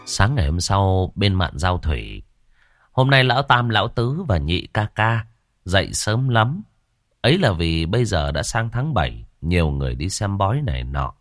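A man's voice: deep voice, sing-song, normal speed, no echo, studio quality. A man narrating a ghost story expressively.

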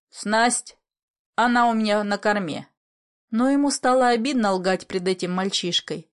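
Woman reading a classic story aloud. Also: mid-range voice. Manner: measured, expressive storytelling. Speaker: narrator.

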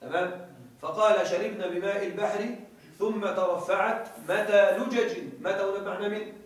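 A man's voice: high-pitched, steady tone, moderate pace. A man teaching a grammar lesson in a lecture room. He reads a passage aloud, explains it, and keeps asking his listeners whether they follow. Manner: checks often that listeners follow. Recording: very echoey room, voice from far off the mic.

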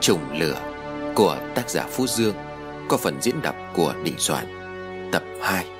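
A man reading a horror story aloud in an expressive narrating style. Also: deep voice, a little slow, over music. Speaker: story reader.

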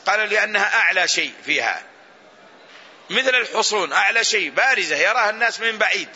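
A man, an Islamic scholar, giving a recorded lesson on Quran exegesis and explaining each word slowly with repeated phrases. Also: high voice, lively intonation, sharp tone, slightly rough. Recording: dull lo-fi recording.

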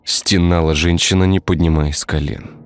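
A man narrating a dark village tale in a scripted storytelling style. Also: low-pitched, fairly even intonation, normal speed, smooth. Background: faint music.

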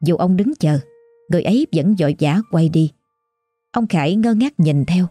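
Woman reading a ghost story, measured and somber, low voice, dry close sound. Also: expressive, dark tone, husky, no room sound. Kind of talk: scripted ghost story narration. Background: faint music.

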